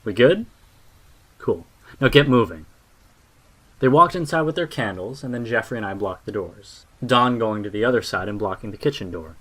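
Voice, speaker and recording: A man tells a creepy story in a low, quiet voice, letting the grim details settle. His pitch sits on the deep side, and he keeps a steady storyteller's hush. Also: a little fast, few pauses. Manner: low, hushed storytelling with dark asides. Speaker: narrator. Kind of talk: horror story narration.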